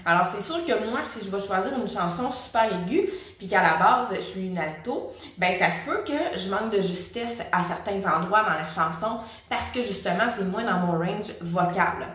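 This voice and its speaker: A woman's voice: mid-range voice, expressive, moderate pace, fairly bright tone. A woman with a Québécois French accent teaching singing in a chatty, direct way, speaking straight to the viewer. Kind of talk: casual vocal lesson. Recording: very echoey room.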